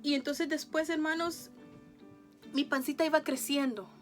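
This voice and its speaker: A woman's voice: high-pitched, steady tone, normal speed, soft background music. A woman, giving an emotional church testimony, tearful and laughing as she speaks to the congregation. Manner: tearful, laughs often, addresses audience as brothers.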